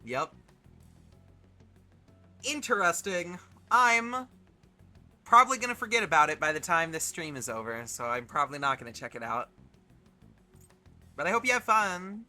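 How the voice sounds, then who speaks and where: A man's voice: on the high side, expressive, moderate pace, pauses often, bright, forceful tone, faint music behind. A young man live-streaming a game, chatting casually with viewers, often giggling and swearing.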